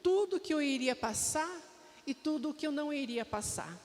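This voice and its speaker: In a church hall, a woman with a Brazilian Portuguese accent shares a heartfelt personal testimony, telling her story and often speaking straight to the congregation. Her voice is high-pitched and expressive at normal speed, with the hall's long reverb.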